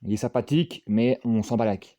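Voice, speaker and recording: A man's voice: fairly low pitch, a little fast, warm tone, no room sound. A man chatting casually while unboxing collectibles, rambling with lots of fillers and self-mocking asides. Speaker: unboxing vlogger.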